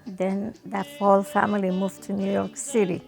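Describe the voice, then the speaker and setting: An older woman from Ecuador slowly and fondly recalling her childhood. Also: medium pitch, little pitch movement, creaky, darkish tone, faint music behind. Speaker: interviewee. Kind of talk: reminiscing interview.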